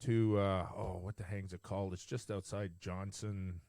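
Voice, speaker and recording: A man's voice: low-pitched, flat delivery, normal speed, creaky, a little mellow, dry recording, clean studio sound. A man hosting a podcast interview, asking questions hesitantly and searching for words with "uh". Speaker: podcast host. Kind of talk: casual interview.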